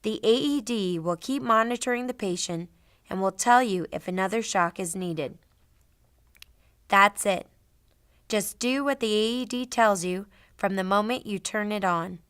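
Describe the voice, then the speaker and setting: A middle-aged woman narrating a scripted training demonstration in a clearly enunciated, instructional manner. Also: medium pitch, unhurried, fairly bright tone, dry recording, studio quality. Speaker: instructor, presenter.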